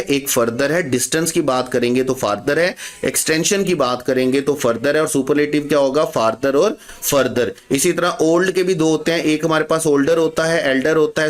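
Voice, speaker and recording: A man giving an exam-prep grammar lecture, asking questions and answering them himself, slowing down to say example words carefully. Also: a little high. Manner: asks the class questions and answers them himself, calls students "beta"; slows to spell out example words and phrases. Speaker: English teacher.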